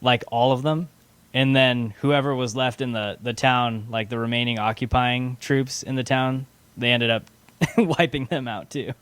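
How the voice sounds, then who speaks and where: A man's voice: mid-range voice, fairly even intonation, normal speed, fairly bright tone, clean tone, no room sound. A man co-hosting a movie podcast in casual chat, agreeable and laughing mid-sentence. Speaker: podcast co-host. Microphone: studio microphone.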